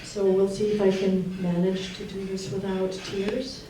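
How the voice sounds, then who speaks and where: A woman from Russia giving a heartfelt, halting memorial tribute speech. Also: mid-range voice, little pitch movement. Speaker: eulogy speaker. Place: memorial gathering hall. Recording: roomy hall from far off, faint noise.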